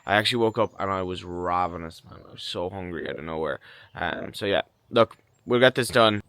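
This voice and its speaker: A young man talking casually to the camera as a fitness vlogger, chatty and excitable, swearing freely. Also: low voice, fairly quick, clean tone, dry recording. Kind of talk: casual talk-to-camera vlog.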